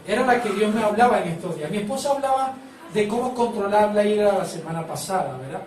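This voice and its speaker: A man's voice: sits high, animated, fast, a little mellow, roomy sound, far from the mic, rough recording. A man preaching a sermon as pastor, prompting the congregation to repeat phrases back to him.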